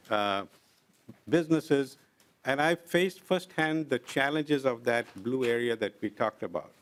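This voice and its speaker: A middle-aged man testifies before a legislative committee as an invited presenter, speaking at a medium pitch. The formal testimony, given in the hearing room, is earnest and deliberate, explained through examples and punctuated by frequent "uh"s.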